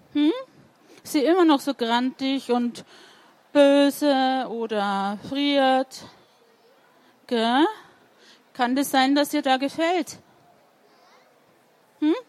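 A woman telling a children's story, pausing to ask her listeners questions. Her voice sits a little higher than most women's, and she reads with a lively, friendly rhythm. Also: no echo. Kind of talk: interactive read-aloud storytelling.

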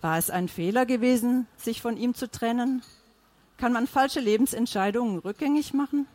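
A woman narrating a novel in a measured, even storytelling manner. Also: a little high. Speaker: audiobook narrator. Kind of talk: scripted narration.

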